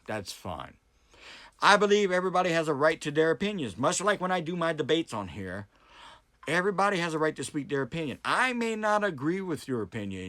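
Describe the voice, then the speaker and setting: With a fairly high, slightly bright voice on a dry recording, an American man who vlogs political commentary and hosts debates speaks unscripted to his viewers. He is forceful and blunt, restating his points and asking rhetorical questions.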